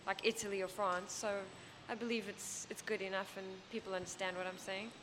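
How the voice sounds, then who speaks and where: A woman with a South African accent answers a street interview about her retail work. She speaks politely and considers her words. Street noise is clearly heard behind her. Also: mid-range voice, fairly even intonation, brisk. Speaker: retail worker.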